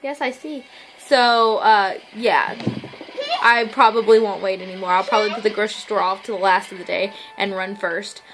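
A woman's voice: mid-range voice, fairly even intonation, moderate pace. A young woman chatting casually to the camera as a vlogger, in an informal, easily sidetracked way. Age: young adult. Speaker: vlogger giving daily fitness updates. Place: living room at home, on a couch. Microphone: camera or phone at arm's length. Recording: noisy home phone-style recording, clicks. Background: noise, small child playing nearby.

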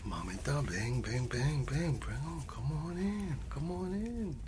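This ASMR roleplay features a man as a loving old grandfather with a Latin American Spanish accent, gently telling a bedtime story, tender and doting throughout. He wanders through the tale, repeats endearments, and switches between English and Spanish. His natural, mid-range voice is animated and a little slow, with background noise present.

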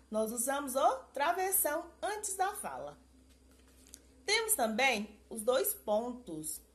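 A woman from Brazil teaching young pupils in a recorded lesson. Her voice sits high and rises and falls in a lively, sing-song way. She moves slowly and carefully, stressing key words as she explains. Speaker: primary school teacher. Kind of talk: recorded remote lesson for children.

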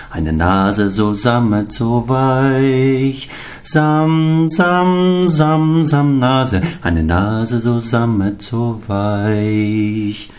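Male reader doing a bumblebee choir singing a slow singsong storybook ballad. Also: mid-range voice, a little mellow. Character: choir of ten humming bumblebees. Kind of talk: sung ballad.

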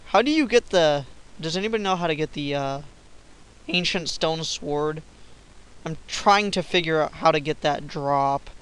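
A young man giving casual, silly commentary over his own gameplay, swearing often and breaking into yells. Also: a little high, clear, resonant tone, low-quality recording. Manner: swearing, silly, bursts of yelling. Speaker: gamer recording gameplay.

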